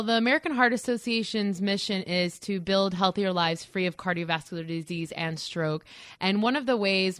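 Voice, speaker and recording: A woman's voice: fairly low pitch, a bit bright, smooth, no echo, clean studio sound. A woman from Florida, a radio interview guest, explaining in an earnest way with some fillers. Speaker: guest from a nonprofit.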